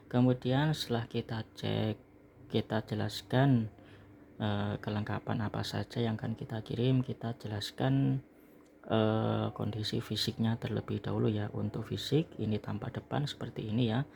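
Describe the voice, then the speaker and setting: A man's voice: lowish voice, creaky, darkish tone, slight background noise. An Indonesian man recorded indoors in a small room, casually explaining a product as an online seller and often tagging phrases with a short confirming word. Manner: explanatory, repeatedly ends phrases with "ya". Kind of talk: casual product packing and review narration.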